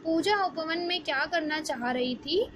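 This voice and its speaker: A woman, teaching a Hindi lesson to young children and asking the class questions as she explains slowly. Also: high voice, fairly bright tone, soft background music, low-quality recording. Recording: background noise.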